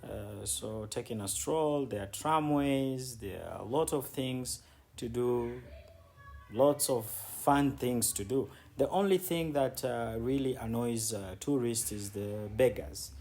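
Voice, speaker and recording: Walking viewers through the city outdoors, a man with a mid-range, darkish voice and vocal fry speaks slowly as a travel vlogger and guide. His commentary is casual and chatty, with frequent repeated words for emphasis, and street ambience fills the background.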